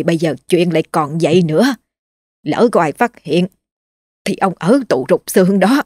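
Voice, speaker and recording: A woman's voice: fairly low pitch, breathy edge, no room sound, studio quality. A woman doing a scolding older wife. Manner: scolding, exclaiming.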